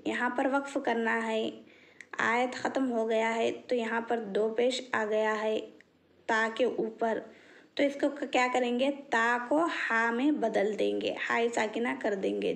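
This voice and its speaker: A woman teacher speaking at a very unhurried pace with a fairly high voice. She poses questions to her class and answers them herself, drawing each example word out slowly. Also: creaky. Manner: draws out example words very slowly. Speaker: Quran reading teacher. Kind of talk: slow step-by-step lesson.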